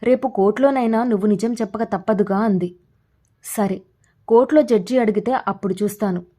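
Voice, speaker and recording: A woman reading a story aloud in an even, measured storytelling manner. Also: medium pitch. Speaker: story narrator. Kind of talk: scripted story narration.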